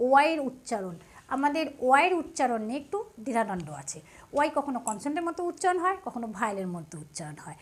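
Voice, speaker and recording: A woman gives an English pronunciation lesson in a high voice. She explains each rule patiently and often checks that her students are following. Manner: patient, explains step by step, asks "ঠিক আছে?" often. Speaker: English teacher.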